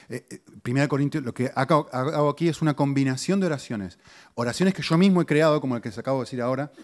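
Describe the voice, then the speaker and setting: A middle-aged man, a pastor giving a conversational sermon to his congregation with lively rises in pitch and asides to the listeners. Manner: conversational teaching, animated pitch swings, audience asides.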